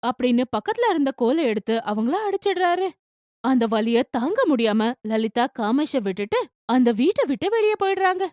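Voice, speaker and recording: A woman narrating a cartoon bedtime story in a steady, expressive way. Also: sits high, no echo, clean studio sound.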